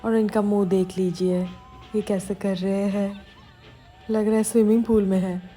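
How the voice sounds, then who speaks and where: A woman's voice: medium pitch, level tone, measured pace, mellow, faint music behind. A woman from India narrating a vlog in a casual, chatty way, switching between Hindi and English. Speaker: vlogger.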